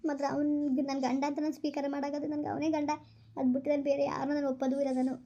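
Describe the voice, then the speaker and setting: A woman's voice: sits high, completely flat delivery, racing, mellow, muffled recording, slight background noise. A woman playing a desperate young woman who pleads tearfully and keeps repeating herself in a village comedy skit. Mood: pleading, tearful. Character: desperate young woman betrayed by her lover.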